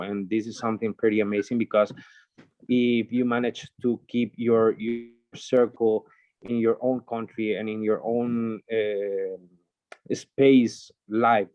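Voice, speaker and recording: A man, an NFT artist guest in a casual group voice chat, who talks haltingly and searches for his words. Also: fairly low pitch, dry recording. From Honduras. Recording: tinny phone-like line.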